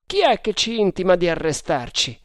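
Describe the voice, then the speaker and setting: A man's voice: sits high, big pitch swings, moderate pace, fairly bright tone, no echo, pitched above the performer's own voice. A bold, commanding leader snapping out brief orders, put on by a man reading a story. The voice sits above the reader's own and carries force. Dry close sound. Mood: alert. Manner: terse barked orders. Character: bold commanding male Indian leader, fearless.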